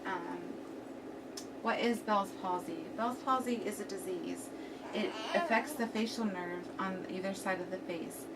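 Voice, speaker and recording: Speaking at a measured pace with a medium pitch, a young woman delivers a rehearsed student presentation to her class. One side of her mouth seems slightly numb, affecting her speech, and the distant-mic capture picks up plenty of room noise.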